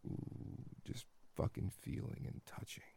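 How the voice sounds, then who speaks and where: A man speaking in an intimate, murmured audio roleplay, humming often and slipping into half-whispers. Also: unhurried. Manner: murmuring, many soft hums, half-whispered.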